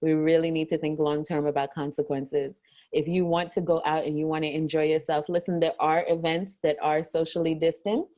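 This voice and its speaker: A woman's voice: sits low, little pitch movement, fairly quick, dark tone. A woman co-host in a casual ranting chat, speaking emphatically and repeating phrases to drive her point home. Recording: dull lo-fi audio.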